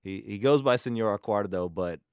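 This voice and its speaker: A man speaking as a podcast guest, self-described awkward, talking in halting bursts with many restarts and jumping much higher and louder when he acts out a story. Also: clear, resonant tone, dry recording, clean studio sound. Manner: jumps high and loud when acting out stories. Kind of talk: casual podcast conversation.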